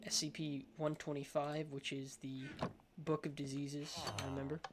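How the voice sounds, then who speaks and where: A man's voice: a little high, little pitch movement, moderate pace, heavy background noise. A man with a lisp giving casual, rambling game showcase commentary, often hesitant and unsure of himself. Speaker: gaming video host.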